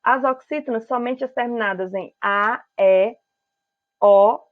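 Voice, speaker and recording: A woman's voice: fairly high pitch, a little slow. A woman with a Brazilian Portuguese accent teaching a grammar lesson on video, explaining step by step and often checking in with her viewers. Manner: didactic, keeps checking in with "certo?". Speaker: writing teacher. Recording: tinny phone-like sound.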